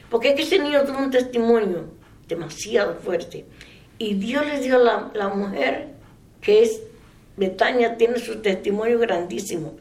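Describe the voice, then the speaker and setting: An older woman telling a faith story in a relaxed interview. She laughs often and trails off mid-sentence. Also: fairly high pitch, slow, pauses often. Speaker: interviewee sharing a faith testimony. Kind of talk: casual storytelling. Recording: echoey room.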